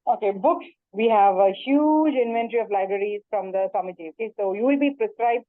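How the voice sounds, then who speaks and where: Over a video call with tinny, phone-like audio and no echo, a woman teaches yoga in a webinar talk and Q&A. Her voice is medium in pitch and her pace is brisk. She speaks earnestly but repeats herself, often using fillers and restarting sentences.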